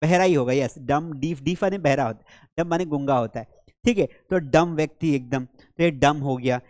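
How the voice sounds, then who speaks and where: A man's voice: on the high side, moderate pace, darkish tone, dry recording, studio quality. A man with an Indian accent teaching an English lesson in Hindi, repeating words and quizzing the viewer like a classroom teacher. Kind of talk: classroom-style language lesson.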